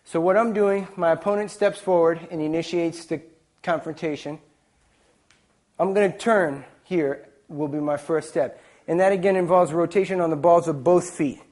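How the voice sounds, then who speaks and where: A man's voice: on the high side, steady tone, normal speed, darkish tone. A man teaching a martial arts technique as an instructor, explaining it step by step in short phrases. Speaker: taekwondo instructor, presenter. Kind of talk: instructional demonstration talk.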